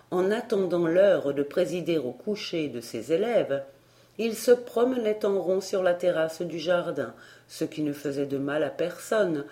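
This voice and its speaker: Slow, mellow woman reading a tale. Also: lowish voice. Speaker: audiobook reader. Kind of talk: scripted storybook narration.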